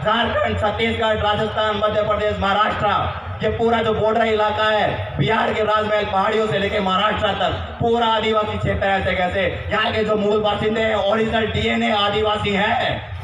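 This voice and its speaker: A man's voice: high-pitched, flat delivery, normal speed, fairly bright tone, roomy sound, distant mic, rough recording. A man giving an impassioned public speech at a convention, firing rhetorical questions at the crowd.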